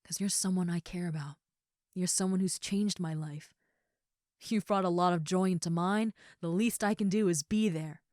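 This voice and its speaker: A woman voices a gentle giant of an ogre girl, an affectionate roommate shyly confessing in an intimate comfort roleplay. Her slightly low voice is close to everyday speech, recorded very close and dry with no echo and fairly even intonation. Earnest and reassuring, she is tender and sincere, halting as she searches for words and often slipping into soft, breathy asides.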